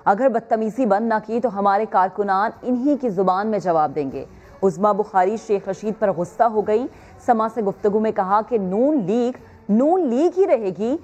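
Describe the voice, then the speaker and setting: A woman's voice: fairly high pitch, a little mellow. Pakistani woman reading a news bulletin. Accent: Pakistani Urdu. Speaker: news anchor.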